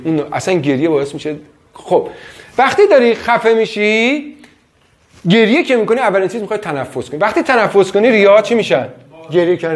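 Male lecturer, higher voice, lively pitch, keeps quizzing the class. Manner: quizzes students with frequent questions. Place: classroom with students.

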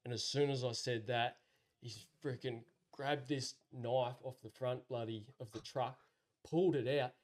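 A man's voice: mid-range voice, steady tone, measured pace. A man with an Australian accent telling an anecdote casually as a podcast guest, in a laid-back larrikin way with rural slang and frequent chuckles.

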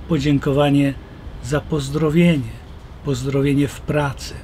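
An older man, a Jesuit priest, explaining calmly and slowly to the camera outdoors. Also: fairly high pitch, slight background noise. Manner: slow, measured, explaining. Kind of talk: calm talk to camera. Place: outdoors by a wooden fence.

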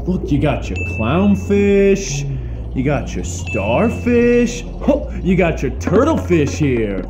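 Goofy, slow-talking boyish alien puppet. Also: male voice, fairly high pitch, very animated. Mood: cheerful. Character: goofy, good-natured yellow alien puppet, boyish sidekick. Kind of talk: children's puppet show acting. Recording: music behind the voice.

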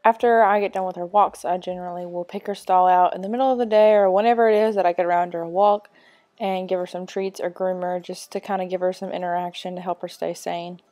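A young woman narrating a voice-over for her vlog, calm and matter-of-fact as she explains her routine. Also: lowish voice, fast talker. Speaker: vlogger and horse owner.

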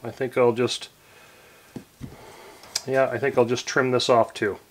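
A relaxed man in his forties walks through a hands-on project in his home workshop, speaking at an ordinary middle pitch. He rambles easily, with plenty of ums and restarts. His voice comes from a camera mic a few feet away. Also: unhurried. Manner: relaxed and rambling, lots of fillers and self-corrections. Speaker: woodworking channel host. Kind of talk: casual workshop tutorial.

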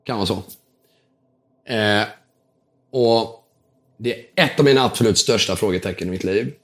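A man, a guest entrepreneur in a casual interview, telling an animated story and acting out the dialogue, dropping in English words and the odd swear. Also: lowish voice. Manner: casual, swears now and then.

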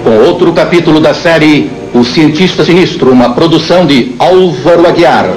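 An actor playing the dramatic, declamatory narrator of an old radio adventure serial. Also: male voice, fairly high pitch, normal speed, close to an everyday voice. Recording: roomy, very noisy old radio recording.

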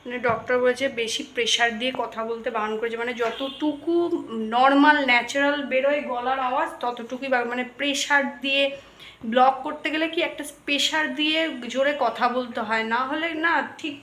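A middle-aged woman with a sore throat, chatting softly to viewers in her home kitchen. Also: high-pitched, steady tone, brisk. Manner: chatty, talks straight to viewers. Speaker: home vlogger. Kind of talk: casual home vlog chat. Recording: echoey home room.

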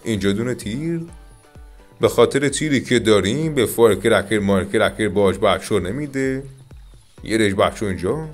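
An Iranian man talks viewers through a mobile strategy game in a chatty, excited way. His voice sits low in pitch. Faint game music plays under his commentary. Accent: Iranian Persian. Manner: excited, chatty, often addresses viewers as dear friends. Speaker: gaming YouTuber. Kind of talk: casual gameplay commentary.

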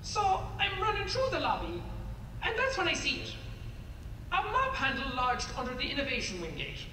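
A man's voice: very high-pitched, wildly swooping pitch, moderate pace, pushed and bright, exaggerated voice. An actor playing a nervous male factory worker with a British accent, stammering as he gives his statement. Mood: shaken. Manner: rattled, stammering, swearing casually. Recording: echoey distant tape playback with hiss.

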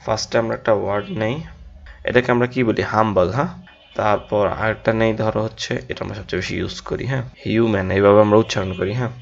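Fast-talking man teaching. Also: lowish voice, little pitch movement, gravelly. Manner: drills words aloud, keeps adding a quick "yes". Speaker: English teacher. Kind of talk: casual classroom explanation. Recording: dull lo-fi recording.

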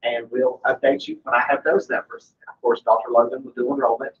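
A man's voice: mid-range voice, huge pitch swings, a little fast, lo-fi sound, a little hiss or hum. A man, the school principal, giving an upbeat and informal staff update at a board meeting. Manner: upbeat, informal, many fillers. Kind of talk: status report at a meeting. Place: conference room.

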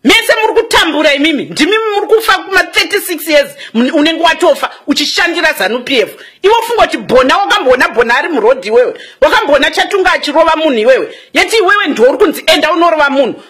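A woman's voice: sits high, animated, rapid-fire, hardly any pauses, a bit bright. A young Zimbabwean woman with a Zimbabwean accent, delivering a fiery, scolding political rant in a mix of Shona and English.

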